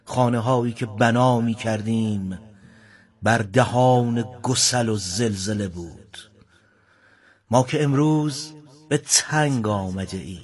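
A male program host who recites a poem in a measured, formal way and then introduces a recorded sermon to listeners. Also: mid-range voice.

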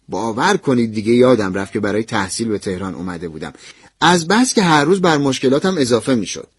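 Brief: man narrating a personal letter as a radio story, expressive and lively, husky, dry close mic. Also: mid-range voice, no echo. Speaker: narrator reading a listener's letter.

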